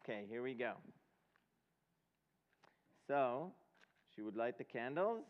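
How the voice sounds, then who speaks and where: An expressive, mid-range male voice from Israel guides a Passover presentation as guest preacher. The ceremonial sermon moves haltingly, with check questions thrown to the congregation, in a large room with heavy reverb, captured on dull, low-fidelity audio.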